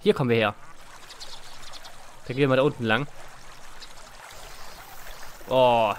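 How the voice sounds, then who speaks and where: A man's voice: medium pitch, fairly even intonation, a little slow, slight background noise. A man hosting a let's play, casually commenting on the game, reading its text aloud and joking as he goes. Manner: playful, reads game text aloud and jokes. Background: faint game music.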